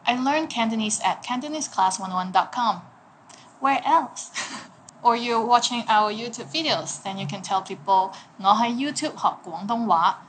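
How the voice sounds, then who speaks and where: A woman teaching a language lesson, saying each phrase slowly and clearly, then translating it patiently. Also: on the high side, expressive, slight background noise. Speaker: Cantonese teacher.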